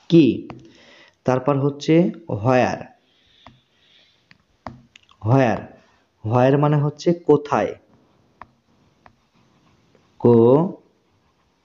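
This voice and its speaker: A man teaches basic English sentences at a very unhurried pace. He repeats each word and checks often that the learner has understood. His voice is soft and mellow, and the recording sounds a little dull. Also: medium pitch. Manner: slow, patient, repeats words and checks understanding. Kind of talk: spoken English lesson.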